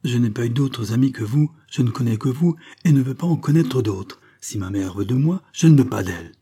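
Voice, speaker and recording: A man reading aloud and voicing a distressed, impetuous young girl, with raised pitch and pleading, vehement delivery. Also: animated, brisk, mellow, slightly rough. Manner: pleading, rising to vehement outbursts.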